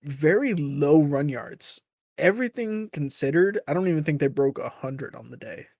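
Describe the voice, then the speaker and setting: A man with a fairly high voice co-hosts a casual sports podcast. He rambles through loose explanations and keeps correcting himself. The sound is close and dry, with no room around it. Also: lively intonation, normal speed, gravelly, darkish tone, dry recording. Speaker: podcast co-host.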